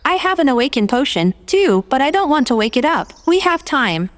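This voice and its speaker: A woman's voice: sits high, big pitch swings, a little fast, big-room sound. A woman reading scripted third-person narration and character dialogue as a player in a tabletop game replay.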